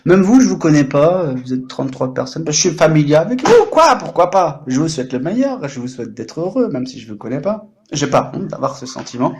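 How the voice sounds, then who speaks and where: A man in his late thirties talks on a livestream in a voice pitched a little above the usual. He rambles happily from one topic to the next, teasing his viewers and mocking himself. It is a casual, improvised chat into a microphone. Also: sing-song, a little fast, few pauses, a little mellow. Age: 30s. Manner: very talkative, jumps between topics, self-mocking and teasing.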